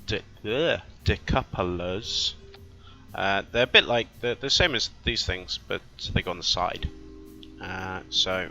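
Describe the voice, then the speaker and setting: A man's voice: on the low side, pushed and bright. A man giving casual let's-play commentary, thinking aloud as he plays and often correcting himself mid-sentence. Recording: dull lo-fi recording.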